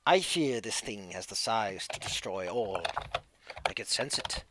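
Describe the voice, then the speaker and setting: Eerie tabletop-game matriarch, played by a man: crackly, slow, formal, ominous. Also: lowish voice, lively intonation. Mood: foreboding. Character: eerie, grave old woman seer-like leader.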